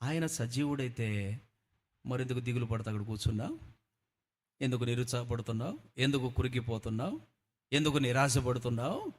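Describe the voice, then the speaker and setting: A preacher voicing a devoted wife who worries over her husband and then gently scolds him. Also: mid-range voice, animated, brisk, pauses often, lightly acted. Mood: chiding.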